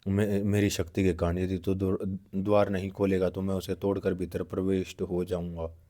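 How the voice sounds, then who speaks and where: A man's voice: sits low, little pitch movement, normal speed, mellow, natural voice. A man voicing a menacing, domineering male rebel leader in a storybook reading, speaking in a commanding, threatening way.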